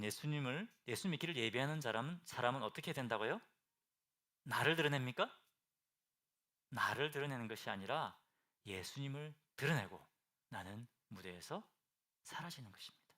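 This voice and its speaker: A man, a pastor, preaching a sermon. He keeps asking the congregation questions and swings between loud bursts and hushed, near-whispered lines. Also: medium pitch, expressive, fairly quick, pauses often. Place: church sanctuary.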